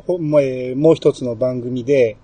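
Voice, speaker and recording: A man with a Kansai accent hosting a casual podcast chat, relaxed and chatty, with many fillers and small laughs. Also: mid-range voice, moderate pace, breathy edge. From Kansai, Japan. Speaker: podcast host.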